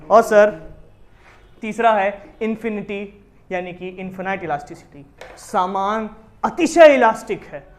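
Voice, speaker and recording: Lively commerce teacher lecturing. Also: male voice, high-pitched. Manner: lively, asks the class questions often. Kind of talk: classroom lecture in Hindi with English terms.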